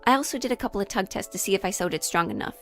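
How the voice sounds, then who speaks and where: This sewing vlogger talks in a rapid-fire, expressive way, her mid-range voice slightly bright and edged with vocal fry. Faint music sits behind her casual tutorial chat and voice-over, which includes some mild swearing.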